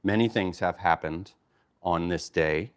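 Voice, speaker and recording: A man with a low voice leads an informal Torah study, teaching the Bible in an easygoing, casual way. He pauses to explain Hebrew words and leaves plenty of fillers and restarts in his speech.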